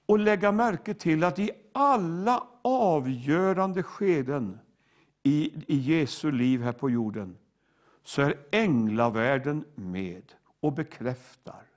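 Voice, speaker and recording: An older man preaching a sermon, slow and emphatic, each phrase falling away at the end. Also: on the high side.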